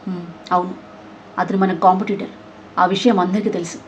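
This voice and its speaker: A woman's voice: fairly low pitch, flat delivery, fairly quick, a little hiss or hum, natural voice, rough recording. A woman voicing a furious young woman who scolds a traitor sharply and sarcastically. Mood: angry.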